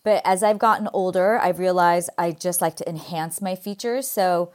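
A middle-aged woman from California, with a Valley girl accent, speaks at normal speed in a lowish voice as a podcast guest. She founded a skincare brand and chats casually but emphatically over a video call.

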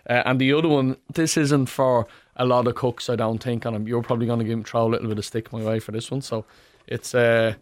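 A man's voice: mid-range voice, little pitch movement, a little fast, no room sound, clean studio sound. A man with an Irish accent co-hosting a podcast in casual, slangy, jokey chat. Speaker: podcast co-host, chef.

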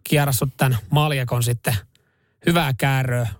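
A man's voice: medium pitch, steady tone, no room sound, clean studio sound. A man hosting a casual chat show, rambling and laughing easily as he tells stories. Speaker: radio show host.

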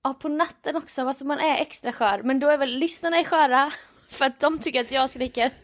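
A woman who hosts night radio, chatting on a podcast and telling lively stories about her listeners with frequent laughs. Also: high-pitched. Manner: animated storyteller, reads listener mails aloud, laughs often. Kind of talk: casual podcast chat. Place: home with building work going on.

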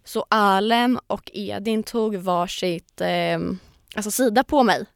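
A woman's voice: mid-range voice, creaky, clean tone, no room sound, studio quality. A young woman chatting on a podcast as a guest, animatedly telling a story, acting out quotes and swearing casually. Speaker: podcast guest, former reality show contestant.

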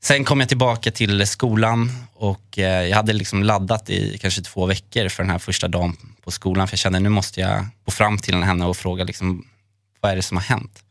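A man hosting a podcast, telling a personal memory in an earnest, halting way with many fillers. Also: deep voice, steady tone, vocal fry, fairly bright tone, no echo, clean studio sound. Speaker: podcast host. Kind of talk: personal storytelling in a chat.

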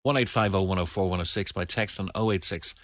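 A man's voice: deep voice, fast, fairly bright tone, no echo, studio quality. An Irish man presenting a radio phone-in in a conversational style. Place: dry radio studio.

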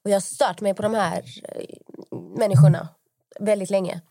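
A woman's voice: mid-range voice, steady tone, dark tone, dry recording, clean studio sound. A young woman co-hosting a podcast, telling rambling stories in casual chat, full of fillers and acted-out quotes. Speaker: podcast co-host.

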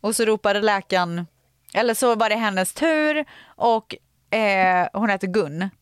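A young woman co-hosting a casual podcast, blunt and teasing, who swears freely and tells stories with animated turns. Her voice sits at a typical pitch for a woman. The recording is dry and close. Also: smooth, dry recording. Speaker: podcast co-host. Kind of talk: casual chat.

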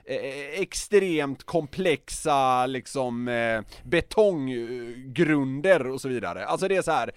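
A young Swedish man co-hosting a podcast, talking in an emphatic, animated way and laughing often. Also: mid-range voice, few pauses, clean tone, no echo, studio quality. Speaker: podcast co-host. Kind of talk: casual podcast chat.

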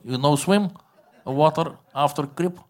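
A gruff, blunt bagpipe maker with a Bulgarian accent, put on by a man, barking short broken-English phrases in a raised voice. He sounds menacing and halting. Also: on the high side, a little mellow, voice pushed up, lightly acted. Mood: boastful.

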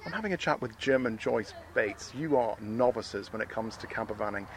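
A man's voice: lowish voice, lively intonation, a little fast. An Irish-accented man doing casual interviews on location as a roving radio reporter. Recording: faint outdoor background noise.

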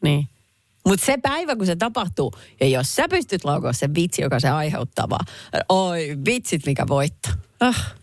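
A woman co-hosting a radio show in casual chat, with lively sudden high exclamations. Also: dry recording, studio quality. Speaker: radio host. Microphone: studio mic.

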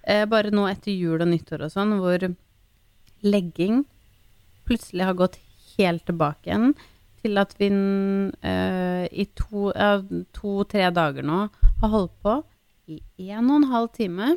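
A woman's voice: clean tone, dry recording. A woman in her thirties chatting casually as a podcast co-host, telling stories animatedly and mimicking her child. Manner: animated storyteller, acts out her child's pleading in a high voice. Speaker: podcast co-host, mother of a young girl. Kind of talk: casual chat.

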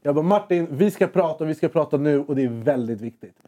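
A young man co-hosting a casual chat, telling a story animatedly and acting out both sides of a conversation. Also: a little high. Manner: animated, quotes himself and others in quick bursts. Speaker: podcast co-host.

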